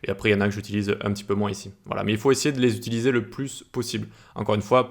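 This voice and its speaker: A man teaching web development in a screencast tutorial, informal, with many fillers and restarts. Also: on the low side.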